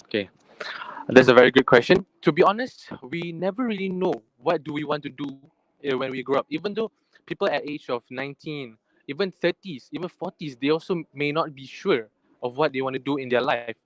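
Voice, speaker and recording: A young man with a Malaysian accent, a law student speaking on an online panel over an unstable call that cuts out and jumps in loudness. He talks in a halting, apologetic way with many restarts. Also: fairly high pitch, no echo, poor audio. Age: young adult. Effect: unstable online call audio that cuts out and jumps in loudness. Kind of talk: casual online panel talk. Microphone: video call, camera off.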